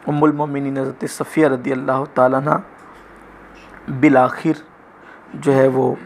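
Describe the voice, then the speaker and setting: A man giving a religious lecture in a measured, reverent storytelling manner, full of honorifics. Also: medium pitch, little pitch movement, vocal fry, a little mellow, slight background noise. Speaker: religious speaker.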